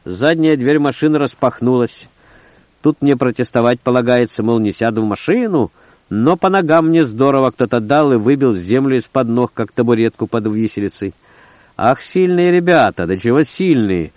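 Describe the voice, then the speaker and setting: A man's voice: medium pitch, normal speed, darkish tone, dry recording. A man reading a first-person story aloud in short, terse, gritty phrases. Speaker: audiobook narrator. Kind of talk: first-person audiobook narration.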